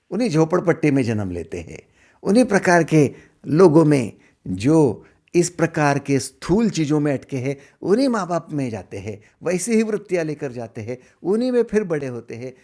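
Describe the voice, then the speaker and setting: Animated man giving a spiritual discourse. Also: on the high side. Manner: animated, rhetorical questions, swings from loud to hushed. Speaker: spiritual teacher.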